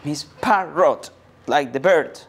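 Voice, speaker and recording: A woman's voice: lowish voice, expressive, unhurried. A woman playing a male game show host who keeps mishearing and getting muddled. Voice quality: hard of hearing, muddled. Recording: loud background noise.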